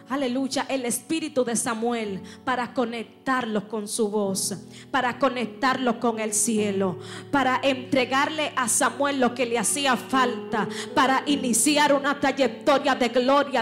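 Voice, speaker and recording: A woman preacher delivering a fervent Pentecostal sermon in church, often calling out "aleluya". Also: sits high. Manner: fervent, sprinkles "aleluya", builds to shouting. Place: church sanctuary. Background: church music.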